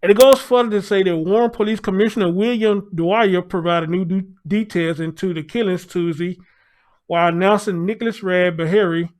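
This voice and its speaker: A man with a fairly high voice talks through a face mask, slightly muffled. He gives a casual news update to his viewers, halting often and repeating phrases for emphasis. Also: steady tone, a little mellow. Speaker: online news commentator.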